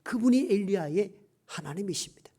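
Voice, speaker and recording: A pastor delivers a sermon in a voice of middling pitch, pressing hard on some lines and dropping to a near-whisper on others. Key phrases are stretched out slowly for weight. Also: lively intonation, husky. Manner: swings between emphatic raised lines and hushed near-whispers.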